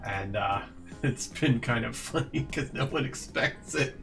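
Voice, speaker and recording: A man's voice: mid-range voice, a little slow, gravelly, a bit bright, soft background music. A man streamer in casual chat, joking and slipping into mock-stern scolding.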